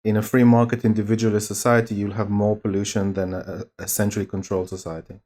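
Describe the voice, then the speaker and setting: A man with a fairly low voice lays out an argument in an informal debate. His delivery is deliberate and halting, pausing as he builds each step of his explanation. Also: little pitch movement, darkish tone.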